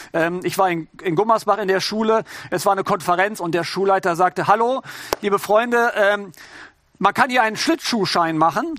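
Middle-aged man, relaxed chatty preacher, high voice, dry close sound, keeps asking the congregation questions. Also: dry recording. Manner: informal, addresses the congregation with rhetorical questions. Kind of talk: conversational sermon.

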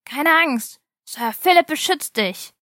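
A woman's voice: high voice, lively intonation, slow, bright, forceful tone, no room sound, studio quality, pitched above the performer's own voice, heavily acted. Woman reading as a proud little boy knight. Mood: triumphant. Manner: eager and proud. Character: brave young boy dreaming he is a knight.

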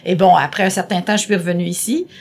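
A woman's voice: lowish voice, fairly even intonation, quick pace, slightly rough. A middle-aged woman with a Québécois French accent answering interview questions in a chatty, rambling way, with many hesitations and repeated words. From Quebec. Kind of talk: casual conversational interview.

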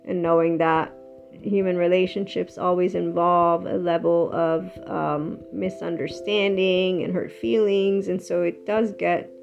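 A woman's voice: fairly low pitch, fairly even intonation, a little slow, gravelly. A woman giving an earnest, rambling solo talk about anger, love and self-belief, in a conversational way. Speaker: self-help speaker. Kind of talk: reflective solo talk on emotions. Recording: slightly muffled with soft guitar music.

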